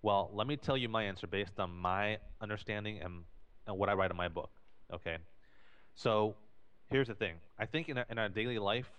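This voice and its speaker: A man's voice: on the low side, normal speed, fairly bright tone, clear, resonant tone. A man in casual podcast talk, explaining at length and often repeating and restarting his phrases. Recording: dull lo-fi recording.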